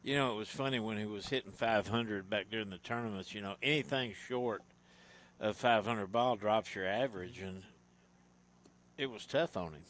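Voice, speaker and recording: A male color commentator with a lowish voice adds relaxed, conversational asides to a baseball broadcast. Faint outdoor ambience hums behind him. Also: normal speed, a little hiss or hum.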